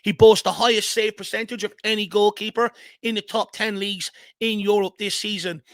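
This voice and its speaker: A man's voice: sits high, steady tone, fairly quick, no room sound. An Irish man hosting a football fan channel, giving opinionated, analytical commentary to his viewers.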